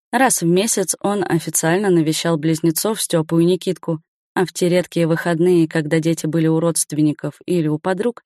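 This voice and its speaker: A woman narrating a story aloud in an even, matter-of-fact reading. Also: on the low side, no echo, studio quality. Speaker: audiobook narrator. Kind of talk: scripted narration.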